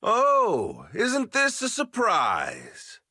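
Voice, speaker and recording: A man's voice: fairly high pitch, lively intonation, measured pace, sharp tone, no room sound, clean studio sound, exaggerated voice. A male actor playing a smug, theatrical police commander in a video game, pompous and declamatory. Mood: mock surprise.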